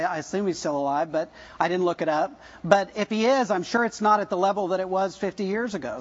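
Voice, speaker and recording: In dull audio, a pastor in his fifties with a high voice preaches to his church in a conversational, joking style, asking the congregation questions.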